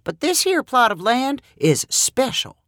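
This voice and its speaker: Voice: mid-range voice, very animated, unhurried, fairly bright tone, no room sound, studio quality, pitched above the performer's own voice. A reader doing a whiny farmer man. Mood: insistent. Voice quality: whiny, fiddle-like. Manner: folksy, insistent tall-tale boasting. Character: whiny rural farmer man, stubborn, boastful. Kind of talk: storybook reading.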